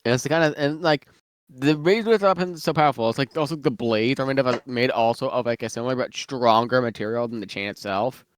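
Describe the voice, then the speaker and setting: A man's voice: medium pitch, fast talker, clean tone, no echo. A man chatting casually about fictional lore, rambling with lots of fillers and restarts while eating, so he sounds slightly muffled. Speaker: guest worldbuilder.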